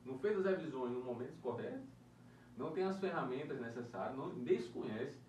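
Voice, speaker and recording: A man's voice: mid-range voice, fairly quick. A man chatting casually about exam prep, telling stories with plenty of swearing. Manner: profane, animated storytelling. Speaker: podcast co-host. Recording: roomy, distant mic, faint noise.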